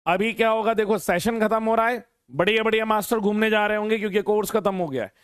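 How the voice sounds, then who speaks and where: Earnest high-voiced teacher. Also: male voice, fairly even intonation, quick pace, clean tone, dry recording, studio quality. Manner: earnest, scolding yet caring, repeats phrases for emphasis. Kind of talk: motivational talk to exam students.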